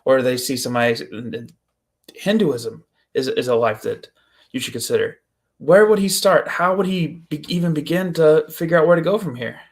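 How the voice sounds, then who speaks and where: A man's voice: a little high, lively intonation, normal speed. A man hosting a casual interview, rambling with many fillers and a playful tone. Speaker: host.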